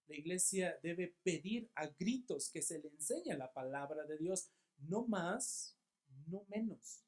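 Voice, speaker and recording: A man with a Mexican accent preaching a sermon as pastor, asking questions and answering them himself, with emphatic repetition that swings between loud and soft. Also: fairly high pitch. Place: church.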